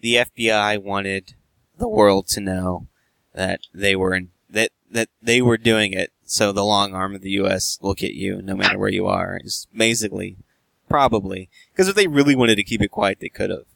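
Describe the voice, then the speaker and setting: A man's voice: lowish voice, normal speed, vocal fry, fairly bright tone, dry recording. A man co-hosting a casual podcast chat, wry and blunt, with some swearing. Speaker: podcast co-host.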